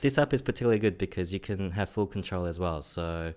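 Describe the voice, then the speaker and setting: Co-host, male, low register, laid-back rambling talk with fillers. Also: fast. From Australia. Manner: relaxed, rambling with many fillers. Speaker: podcast co-host. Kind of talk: casual tech chat.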